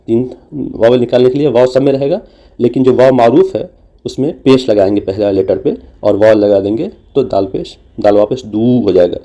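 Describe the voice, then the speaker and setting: A man teaching a language lesson, explaining slowly and patiently with many repeated examples and small fillers. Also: mid-range voice, warm tone.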